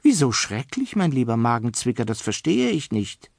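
A man's voice: medium pitch, sing-song, moderate pace, gravelly, dry recording, studio quality. A man voicing a jolly, lazy, round little king in a children's storybook. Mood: cheerful musing.

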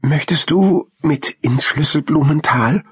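A man's voice: a little high, measured pace, husky, no room sound, pitched above the performer's own voice. A man voicing a small, shy young male hamster in a children's audiobook. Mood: earnest.

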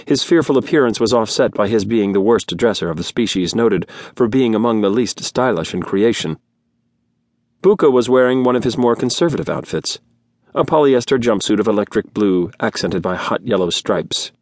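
A man narrating an audiobook in a studio in an even storytelling manner. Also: on the low side, moderate pace, no echo. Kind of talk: scripted narration. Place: recording studio. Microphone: studio mic.

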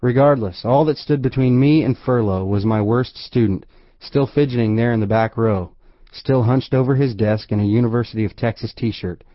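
Guy reading an audiobook, wry and measured, dry booth sound, kinda muffled. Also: on the low side, no room sound. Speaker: audiobook narrator. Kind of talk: scripted first-person narration. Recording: dry, slightly dull studio recording.

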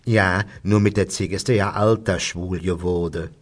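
A man's voice: steady tone, moderate pace. A man doing a jovial old Cologne undertaker. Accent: Cologne dialect. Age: older. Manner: jovial, booming anecdotes. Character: old jovial male undertaker, cigar-smoking pub regular.

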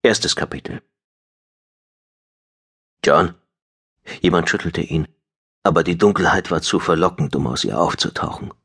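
Male narrator with a very low voice and steady, measured delivery. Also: slightly rough. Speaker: audiobook narrator. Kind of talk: scripted narration.

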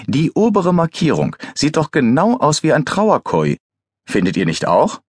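A man's voice: fairly low pitch, sing-song, moderate pace, dry recording, studio quality. A man voicing a teasing, jovial male forensic pathologist who needles his grumpy friend in an audiobook. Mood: mocking glee. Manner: gleeful, needling, mock-exasperated.

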